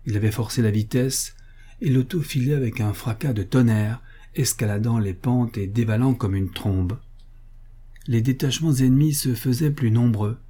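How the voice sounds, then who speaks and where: A man reading an audiobook novel aloud in a steady, measured narration. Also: medium pitch, slightly rough. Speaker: audiobook reader.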